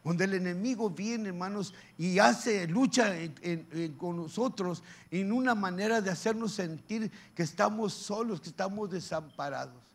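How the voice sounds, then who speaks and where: An older man, preaching a sermon as pastor, swinging between loud exhortation and soft, joking asides. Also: high voice, normal speed, hardly any pauses.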